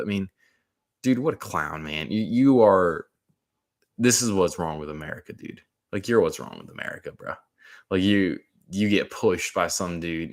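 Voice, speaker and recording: Deep-voiced man ranting casually about football. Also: a bit bright. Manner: rambling, slangy, frequent "man" and "dude". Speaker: sports commentator. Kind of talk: casual sports talk.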